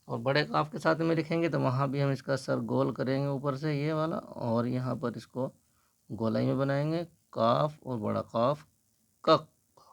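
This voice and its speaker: A man teaching a slow, patient Urdu writing lesson, explaining each stroke as he writes. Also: mid-range voice, steady tone, vocal fry, a little mellow.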